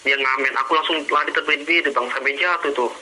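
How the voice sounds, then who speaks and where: Man, earnest storyteller, rapid, bright tone. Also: on the high side, fairly even intonation, a little hiss or hum, rough recording. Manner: earnest, calls the hosts "Bang" constantly. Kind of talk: casual storytelling to hosts.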